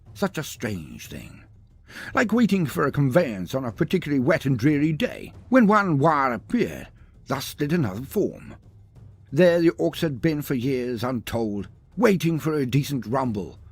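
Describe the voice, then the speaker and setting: A storyteller reads scripted fantasy narration in a pompous, wordy style full of dramatic pauses. His voice is medium-pitched and slightly rough.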